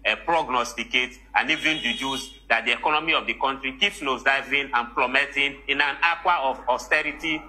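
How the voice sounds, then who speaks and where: A man's voice: mid-range voice, a little fast, few pauses, sharp tone, poor audio. Man playing a piercing, pompous Nigerian academic. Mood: pompous, grandiose. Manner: pompous, verbose, piling up synonyms. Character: pedantic male academic showing off absurd highfalutin vocabulary. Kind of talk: comedy street interview.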